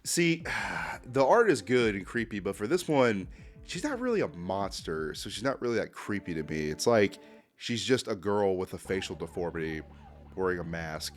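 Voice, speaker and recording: A man with a lowish voice reacts to art in a loose, casual way. His pitch jumps around a lot, and he talks in excited slang, tossing in "dude" again and again. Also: moderate pace. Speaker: YouTube host ranking fan art.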